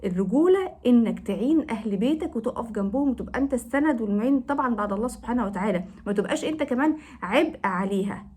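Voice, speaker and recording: A woman's voice: a little high, lively intonation, very fast, darkish tone, slightly rough. A woman with an Egyptian Arabic accent giving advice straight to camera, scolding careless husbands with pointed rhetorical questions. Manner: reproachful, lecturing, addresses husbands directly with rhetorical questions. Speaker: advice vlogger. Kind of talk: direct-to-camera advice talk.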